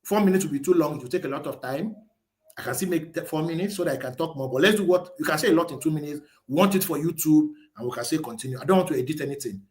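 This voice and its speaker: A man's voice: fairly high pitch, rapid-fire, darkish tone. A man presenting a webinar as a live screen-share tutorial, thinking aloud as he types, restarting and correcting himself.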